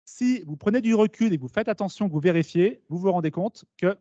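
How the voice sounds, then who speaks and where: Guy giving a talk, lots of asides and questions to the room, highish voice, dull lo-fi meeting recording. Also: fairly quick, dry recording. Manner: lively, explains with asides and questions to the audience. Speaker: speaker at a talk. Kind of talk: conference talk to students.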